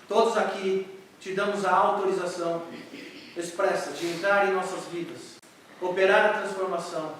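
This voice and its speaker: A man leads a sermon and prayer in a church with a reverent, earnest delivery. His high voice carries through a strongly echoing sanctuary from a distant mic, with a faint hum of the room behind. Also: fairly bright tone. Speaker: preacher. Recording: echoey church hall, mic far off.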